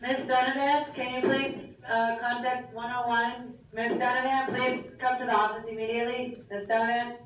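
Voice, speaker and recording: A woman's voice: on the high side, level tone, moderate pace, few pauses. A woman on the school intercom calling out names and asking people to report to the front office. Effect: school intercom loudspeaker. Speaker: school office staff making announcements. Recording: roomy loudspeaker heard from far off.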